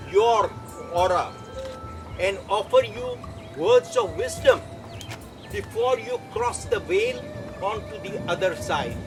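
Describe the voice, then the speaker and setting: A mystical gatekeeper acted by a man in a comic live show, speaking slowly and high with grandiose earnestness. Music plays loudly behind him. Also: full character voice. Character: mystical gatekeeper of the veil, dim-witted fortune teller. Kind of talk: improvised comic live performance.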